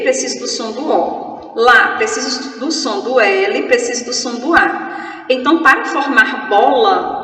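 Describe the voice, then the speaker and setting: High-voiced Brazilian woman teaching, echoey. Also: fairly bright tone, recorded from a distance. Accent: Brazilian Portuguese. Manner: playful, chatty, spelling words out slowly. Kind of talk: online grammar class.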